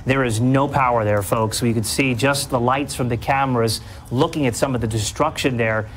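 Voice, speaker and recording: A man's voice: medium pitch, steady tone, brisk, a little hiss or hum. A man anchoring live storm coverage on television, describing developments as they come in. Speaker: TV news anchor.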